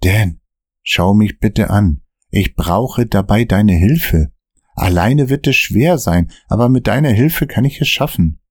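A man's voice: fairly low pitch, lively intonation, takes it slowly, a little mellow, no echo, clean studio sound, heavily acted. A man voicing a firm, urgent young man who pleads with his friend, in a read-aloud story. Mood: earnest. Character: determined young man searching for answers.

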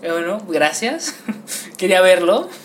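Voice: medium pitch, sing-song, a little slow. Mexican speaker joking around crudely, voice jumps all over, slight hiss. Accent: Mexican Spanish. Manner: laughs along, crude banter. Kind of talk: casual chat. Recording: faint background noise.

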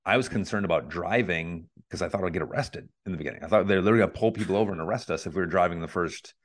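Man, very deep voice, casual chat, rambling, self-deprecating. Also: rapid-fire. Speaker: podcast co-host.

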